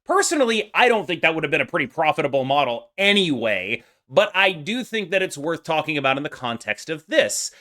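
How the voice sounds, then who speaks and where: A man's voice: fairly high pitch, sing-song, brisk, few pauses, pushed and bright. A man giving unscripted opinion commentary as a gaming content creator, arguing emphatically and discursively with many qualifications.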